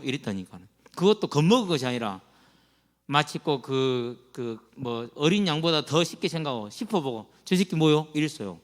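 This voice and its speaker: A man's voice: fairly high pitch, long reverb tail. A man, a pastor preaching to students in a colloquial storytelling way, full of acted quotes and slang. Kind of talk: sermon to students. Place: church sanctuary.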